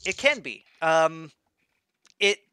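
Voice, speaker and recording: A man's voice: on the high side, expressive, slow, pushed and bright, smooth, dry recording. A man narrating as game master of a tabletop game, hesitant and full of ums.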